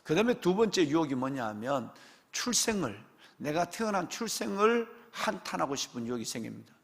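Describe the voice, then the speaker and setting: A man's voice: on the high side, very animated, a little fast, creaky, a bit bright, in a large hall. A man pastor preaching a sermon, speaking emphatically with many rhetorical questions and turning often to the congregation. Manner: often addresses the congregation directly. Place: church sanctuary.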